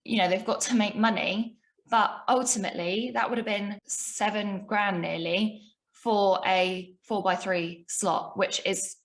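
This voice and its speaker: A woman's voice: mid-range voice, steady tone, measured pace, low-quality recording. A woman co-hosting a business podcast, telling a story emphatically and with indignation. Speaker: podcast co-host. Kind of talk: casual business podcast chat.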